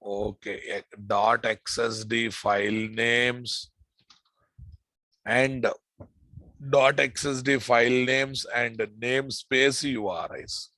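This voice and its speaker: Indian-accented man teaching, bright forceful voice. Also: mid-range voice, steady tone, slow pace, dry recording. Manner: repeats phrases, addresses listeners familiarly. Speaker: programming instructor. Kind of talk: informal live classroom lecture.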